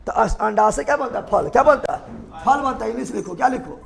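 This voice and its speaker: A male teacher runs his lesson as a call-and-response drill. He asks the same question again and again, then echoes the answer back. His voice sits high for a man. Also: expressive, fast, gravelly. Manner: drills the class with call-and-response questions, repeating each term. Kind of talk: classroom biology lesson. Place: classroom with students.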